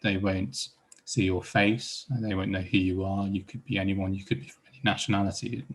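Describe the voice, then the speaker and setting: In a panel discussion, the Iranian psychologist talks briskly but hesitantly, circling back with restarts and repetitions. His deep voice is delivered flatly.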